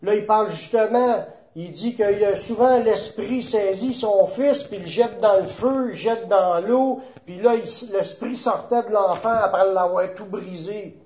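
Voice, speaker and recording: A male preacher with a Quebec French accent, his voice pitched high for a man and unhurried. He hammers his key phrases through repetition. The sound is roomy and a little dull. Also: darkish tone. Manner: emphatic, repeats key phrases. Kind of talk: sermon.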